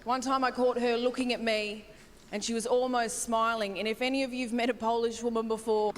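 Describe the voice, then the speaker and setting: An Australian woman in her thirties performing stand-up comedy on stage, telling brisk family stories. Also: a little high, little pitch movement. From Wagga Wagga, Australia. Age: 30s. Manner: brisk, storytelling, mimics relatives. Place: comedy stage in a large hall. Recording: live hall with long reverb, faint noise.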